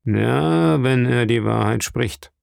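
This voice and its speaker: A man reading an audiobook, voicing a doubtful, gruff ship's master who speaks in a skeptical, brisk way. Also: mid-range voice, lively intonation, a little mellow, no echo, clean studio sound.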